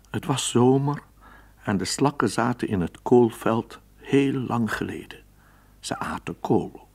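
A man narrating children's stories in a calm, gently amused way. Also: fairly low pitch, husky. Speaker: storyteller. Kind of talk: storybook narration.

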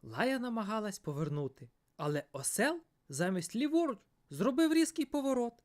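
Woman storyteller, fairy tale narration, playful with a lively melody. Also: on the high side, moderate pace. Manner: playful, expressive.

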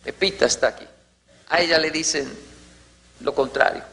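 A man's voice: fairly high pitch, normal speed, gravelly, pushed and bright, long reverb tail, poor audio. A man giving a lecture, telling stories and acting out family scenes. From Colombia. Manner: storytelling, acts out family scenes. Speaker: motivational speaker. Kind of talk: lecture to an audience.

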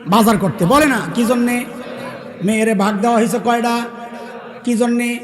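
A man's voice: very high voice, moderate pace. A man with a Bangladeshi Bengali accent preaching a sermon, emphatically quizzing the crowd with call-and-response questions. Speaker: Islamic preacher. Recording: echoey hall with long reverb.

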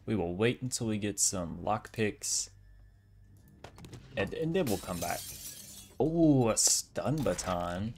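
Low-voiced man narrating his gameplay. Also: sing-song, slow pace, long pauses, darkish tone, faint music behind. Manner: chatty, self-mocking, talks to himself while looting. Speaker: gamer playing a survival game. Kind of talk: casual gameplay commentary.

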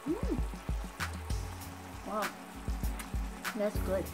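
A woman's voice: medium pitch, huge pitch swings, extremely slow, music in the background. A woman in a casual food review vlog, speaking while chewing with her mouth full. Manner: chatty, hesitant with fillers.

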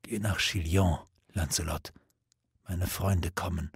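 A man reading an audiobook, voicing a proud, stubborn male knight who talks defiantly even as he weakens. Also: medium pitch, a little slow, slightly rough, dry recording, clean studio sound. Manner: defiant, then weak and breaking.

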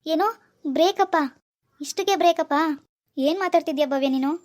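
A woman's voice: high-pitched, brisk, darkish tone, close to an everyday voice. [name], a woman voicing a pleading lovesick young man. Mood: hurt. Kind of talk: cartoon dialogue voice acting.

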